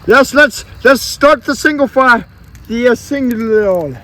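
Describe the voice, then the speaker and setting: High, lively, playful man vlogging outdoors. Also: slow. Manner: playful, whooping, sings snatches of songs. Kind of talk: casual vlog chatter. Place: outdoors at a backyard bonfire.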